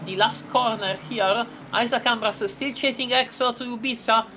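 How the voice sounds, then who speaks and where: Excitable female sim racing commentator. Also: fairly high pitch, moderate pace, a little hiss or hum, low-quality recording. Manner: chatty, rambling, excitable exclamations. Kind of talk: live race commentary.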